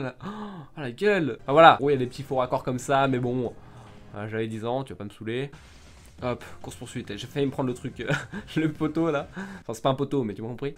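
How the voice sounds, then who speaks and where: A young man with a slightly high voice rattles through casual commentary at a brisk clip. He mocks himself, laughs often and swears without a second thought. Faint music plays quietly behind him. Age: young adult. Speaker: gaming YouTuber.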